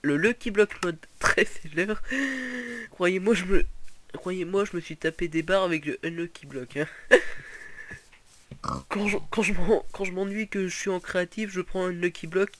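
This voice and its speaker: A man's voice: high voice, moderate pace, a bit bright, a little hiss or hum. A young man giving casual gameplay commentary, rambling with lots of fillers and restarts. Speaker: gaming video host.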